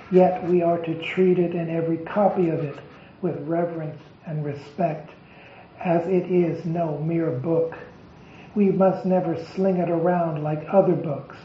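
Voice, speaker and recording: In an echoey, muffled lo-fi recording with a little hiss or hum, a man gives a devotional sermon. His raised, fairly high voice hits each word hard as he deliberately lists phrase after phrase, speaking slowly.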